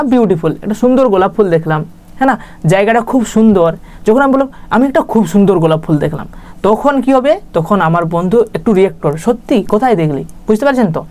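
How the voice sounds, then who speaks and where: A woman's voice: medium pitch, darkish tone. Chatty woman teaching grammar. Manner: chatty, with repeated "right?" check-ins. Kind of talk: casual spoken lesson.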